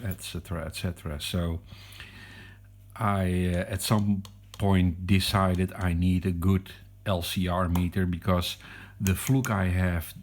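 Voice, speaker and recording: A Dutch man from the Netherlands speaks slowly in a deep voice, hesitant and halting, with many ums and restarts. He's a hobbyist reviewer giving a casual product demonstration at his desk at home.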